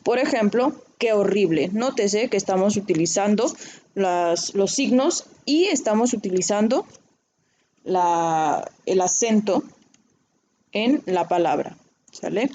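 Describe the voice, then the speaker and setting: A woman's voice: mid-range voice, lively intonation, takes it slowly, warm tone, a little hiss or hum. A woman teaching a writing class, explaining patiently and often checking in with her students. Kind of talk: recorded online class.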